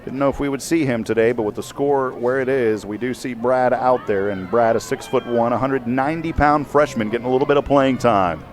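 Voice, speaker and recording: Excitable man calling a football game. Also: mid-range voice, fairly quick, few pauses. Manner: excitable, rising to shouts on big plays. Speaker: play-by-play announcer. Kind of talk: live football commentary.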